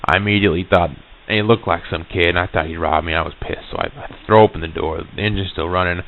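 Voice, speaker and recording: A man's voice: low-pitched, fairly even intonation, fast. A man telling a personal ghost story in a rambling, folksy, profane way with many restarts, recorded on lo-fi reel-to-reel tape.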